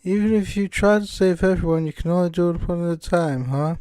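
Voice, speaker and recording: A man voicing a poised, menacing young woman club president with a put-on British accent, speaking silky and calm. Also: high-pitched, fairly quick, clean tone, no echo, pitched above the performer's own voice, lightly acted. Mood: calm, sinister. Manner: silky, calm, quietly threatening.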